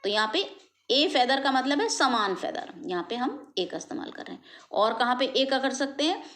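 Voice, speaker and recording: High-pitched woman teacher explaining grammar rules, slow and patient, keeps asking "okay?". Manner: checks understanding with frequent "okay?" tags; spells out letters and examples slowly. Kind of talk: explanatory classroom lesson.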